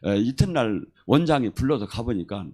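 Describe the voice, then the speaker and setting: A man preaching a sermon as a pastor, telling testimony stories in an animated way and acting out the people he quotes. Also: mid-range voice, normal speed, a little hiss or hum. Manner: animated storyteller who acts out quoted voices.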